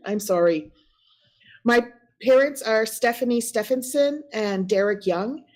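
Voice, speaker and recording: A woman's voice: a little high, animated, slow pace, a little mellow. Apologetic woman with a Wisconsin accent. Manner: apologetic, laughs at her own stumbles. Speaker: school district staff presenter. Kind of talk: presenting and reading statements aloud at a meeting.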